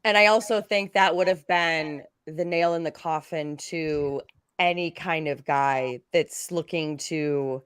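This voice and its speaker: A woman's voice: low voice, a little slow, smooth, no echo, studio quality. A woman chatting casually on a panel in a rambling, conversational way.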